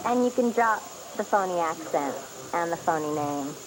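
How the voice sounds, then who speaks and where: A woman's voice: fairly low pitch, lively intonation, measured pace, background noise. An actress playing a young woman who confronts a schemer, indignant and emotional, in a soap opera. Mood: defiant. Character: young woman caught in lies, desperate, defiant. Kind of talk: 1980s soap opera acting. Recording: TV soap audio with loud music.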